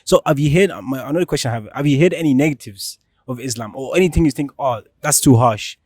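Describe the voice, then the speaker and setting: A man's voice: medium pitch, expressive, very fast, a little mellow, dry recording, clean studio sound. A man working as a street interviewer, asking questions in a casual, conversational style.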